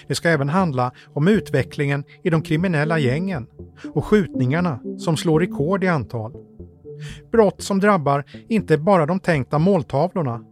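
A man giving calm, measured, scripted narration as a documentary narrator. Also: on the high side.

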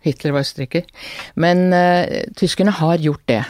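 An older woman, an author being interviewed, telling her family's story in an earnest, halting way with many restarts. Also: fairly low pitch, a little mellow, no echo, clean studio sound. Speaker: author guest. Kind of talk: reflective interview talk.

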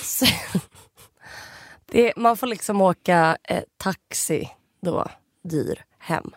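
A woman's voice: fairly low pitch, no echo, clean studio sound. A woman in her twenties, a podcast co-host, telling stories in casual chat with many fillers and restarts. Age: 20s.

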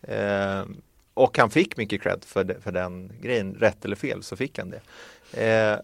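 Swedish male co-host, low gravelly voice, dry sound, hedging chat. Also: no echo. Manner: measured, hedging explanations with fillers. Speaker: podcast co-host. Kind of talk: casual motorsport podcast chat.

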